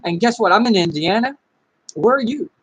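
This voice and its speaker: A man's voice: high-pitched, animated, moderate pace, a bit bright, slightly rough, no room sound, voice pushed up, exaggerated voice, poor audio. A man playing an eager, friendly recruiter making a sales call in a training role-play. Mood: upbeat.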